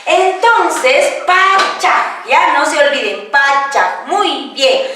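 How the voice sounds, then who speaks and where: In a question-and-answer language lesson, a Quechua teacher speaks in a high voice, drawing out each word at a very slow pace and patiently answering her own questions. The room is echoey and noisy, and she is recorded from a distance.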